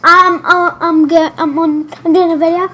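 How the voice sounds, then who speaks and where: A woman giving casual, rambling gameplay commentary at home, excitable and often trailing off mid-sentence, with a slight cough. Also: very high-pitched, normal speed, a little hiss or hum. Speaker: gaming YouTuber.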